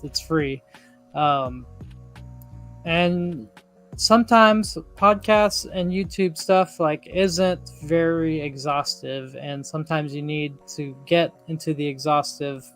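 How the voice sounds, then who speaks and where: A man's voice: on the high side, fairly bright tone. A man co-hosting a podcast, giving casual, encouraging advice with many "um"s. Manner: easygoing, filler-heavy, encouraging. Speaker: co-host.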